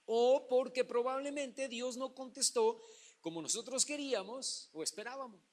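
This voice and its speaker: A man's voice: extremely high pitch, moderate pace. Man preaching a Sunday sermon. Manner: preaching, addresses the congregation as brother, dramatizes Bible stories. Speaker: pastor.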